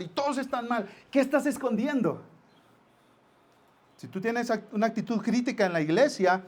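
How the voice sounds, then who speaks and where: High-voiced pastor preaching. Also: male voice. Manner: lively storytelling with acted-out asides. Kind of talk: sermon.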